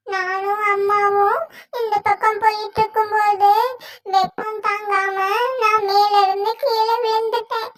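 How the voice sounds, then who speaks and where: A woman's voice: very high voice, flat delivery, unhurried, fairly bright tone, no echo, faint music behind. Woman doing a tiny crying baby cloud. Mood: tearful. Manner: tearful, pleading. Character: small crying baby cloud, lost and scared.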